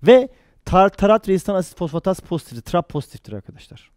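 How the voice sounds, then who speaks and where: Male lecturer for exam prep: high-pitched, recorded dry and close, quizzes students and answers his own questions. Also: fast talker, dry recording. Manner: lively, jokey asides with mnemonics. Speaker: pathology lecturer.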